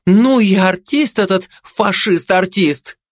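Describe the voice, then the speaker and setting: Man playing nosy gossip dog lady, shrill and high, excited, storybook. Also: normal speed, no echo, studio quality.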